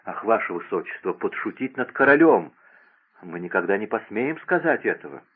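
A man's voice: on the low side, big pitch swings, normal speed, husky. A man reading aloud and voicing an anxious young lady-in-waiting who answers in a pleading, flustered way. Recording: tinny phone-like radio broadcast.

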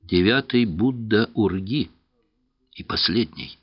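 A man with a deep voice plays a calm young woman who knows more than she says. She speaks quietly, gently and with a touch of sorrow. The audiobook recording sounds a little muffled. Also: takes it slowly, slightly rough, full character voice. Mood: sad, quiet. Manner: soft, hushed delivery.

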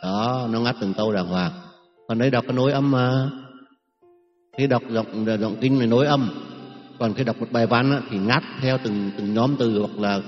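A man's voice: mid-range voice, moderate pace. A man giving informal dharma teaching on chanting at a retreat, chatty and repeating words as he searches for them. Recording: echoey hall, dull lo-fi sound, faint music.

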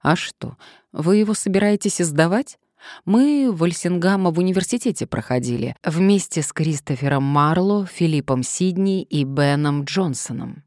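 A woman reading an audiobook, voicing a learned woman writer who explains things in a measured way. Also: lowish voice, lively intonation, darkish tone, no echo, studio quality, close to an everyday voice.

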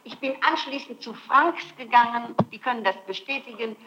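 Heard on a dull-sounding, noisy archival tape, a middle-aged woman with a rather high voice defends herself while being interrogated as a suspect. She speaks at a moderate pace and keeps insisting, restating her points with emphasis.

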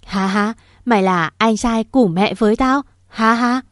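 A woman storyteller voicing a grieving male gang boss who shouts in anguish through sobs, in a dry recording. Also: mid-range voice, expressive, takes it slowly, dry recording.

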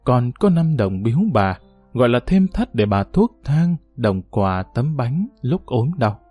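A man voicing a gentle tearful young mother. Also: mid-range voice, sing-song, measured pace, slightly rough, no room sound, soft background music. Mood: soft pleading.

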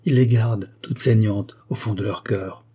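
A man's voice: on the low side, steady tone, normal speed, dark tone, breathy edge. A man reading as a proud, wounded young governess. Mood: wounded pleading. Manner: hesitant, emotional pleading.

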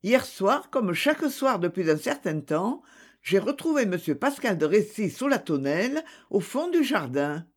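A reader voicing Édith, a reserved young woman who answers questions in a hesitant, measured way. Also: mid-range voice, big pitch swings. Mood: guarded.

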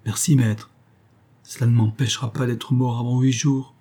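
A man's voice: mid-range voice, little pitch movement, moderate pace, warm tone, lightly acted. A man voicing a sturdy, resolute male miner telling a grave tale in a muffled voice.

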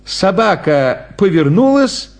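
A man narrating a story with lively, expressive storytelling. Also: high-pitched, slow pace, creaky. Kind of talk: storybook reading.

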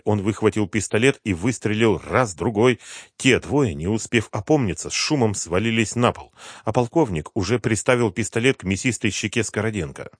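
A man narrating an audiobook in an even, matter-of-fact storytelling voice. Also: fairly low pitch, husky, dry recording, studio quality.

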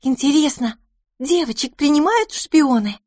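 A woman playing a bossy, excitable little girl from a storybook, pitched well above an ordinary speaking voice. She is quick to take offence and says everything with a dramatic flourish, all heard dry and close. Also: no echo. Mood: admiring. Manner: high, indignant exclamations.

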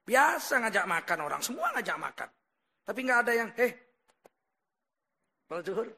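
Male preacher, animated sermon delivery, bright tone, reverberant hall sound. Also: high voice, quick pace, vocal fry. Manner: animated storytelling, swinging from quiet to emphatic.

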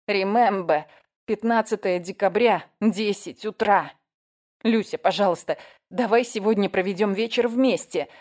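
A woman's voice: medium pitch, unhurried, darkish tone, voice pushed up, lightly acted. A woman reading an audiobook, voicing a frightened woman who whines and pleads for help. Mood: scared. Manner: whining, anxious, breathless.

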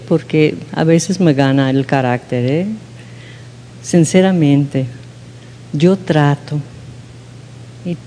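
A woman's voice: on the low side, dark tone. A woman giving an informal sermon talk at a women's church gathering, candid and self-mocking, often checking in with her listeners. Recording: long hall reverb.

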